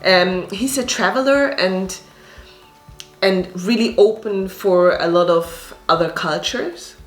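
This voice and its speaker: In a relaxed interview, a Swiss restaurant owner and actress speaks at a slow pace, often restarting and using fillers. Her pitch is medium, and faint music plays in the background.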